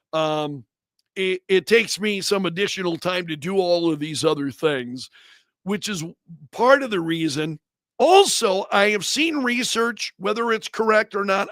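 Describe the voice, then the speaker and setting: A man's voice: sits high, fairly bright tone, no echo, studio quality. A man hosting a casual livestream chat, talking loosely to his viewers with frequent restarts and asides. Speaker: radio host and brand manager.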